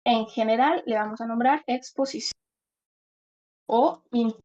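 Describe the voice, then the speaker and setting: A woman with a fairly high voice gives an online class through a video call. Her audio is choppy and keeps cutting out, so her words come through in broken fragments. She explains patiently and stops to check if her students can hear her. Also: measured pace, a little mellow, highs cut off. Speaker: lecturer.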